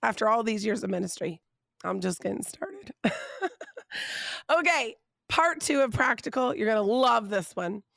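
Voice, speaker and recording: A hoarse woman with a raspy, nearly lost voice that slips toward a whisper, hosting an emphatic, halting, heartfelt faith monologue. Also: a little high, lively intonation, fairly bright tone, no room sound, studio quality. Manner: emphatic, halting, with repeated phrases and drawn-out pauses. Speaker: podcast host and preacher.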